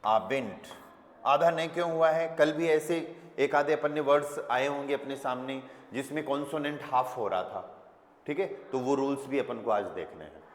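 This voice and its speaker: A man teaching a language class, explaining slowly and patiently and often checking that students follow. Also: mid-range voice, steady tone. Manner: slow, patient explaining with frequent check-ins. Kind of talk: classroom lesson. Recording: echoey hall with long reverb.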